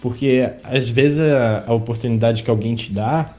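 Brazilian guy ranting a story on his podcast, warm low-key voice, faint music behind. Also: normal speed. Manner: chatty, indignant, many fillers. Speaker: podcast host. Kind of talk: casual storytelling monologue.

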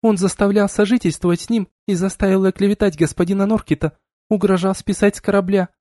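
A shrill, indignant young woman of a starship crew, as a male audiobook reader puts her on, her voice pitched far up and strained with outrage. The recording is dry and close. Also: steady tone, fast talker, mellow, dry recording, natural voice. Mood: pleading. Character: young woman, indignant, sharp-tongued ship's radio operator. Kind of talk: audiobook character reading.

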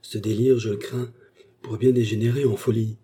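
A man's voice: fairly low pitch, little pitch movement, a little fast, mellow, lightly acted. A man playing a solemn fake doctor. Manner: solemn, mock-grave. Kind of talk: audiobook reading.

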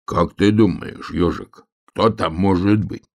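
A bossy, grumbling bear cub, as a man puts him on, speaking in a deep, gravelly voice. He talks slowly and gives firm orders. This is a storybook figure read aloud. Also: steady tone, exaggerated voice. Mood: gruff. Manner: grumbling, slow and commanding.

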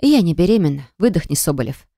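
A woman's voice: on the low side, big pitch swings, fast talker, creaky, dark tone, dry recording, studio quality, full character voice. A woman voicing a proud, hurt young woman who speaks sharply and reproachfully. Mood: cold.

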